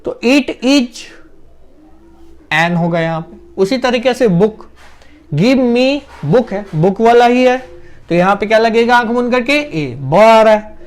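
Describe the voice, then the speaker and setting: Slow, high-voiced man teaching grammar. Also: animated. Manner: explains step by step, asks and answers his own questions; drags out vowel sounds when demonstrating pronunciation. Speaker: English teacher. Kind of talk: classroom-style grammar lesson.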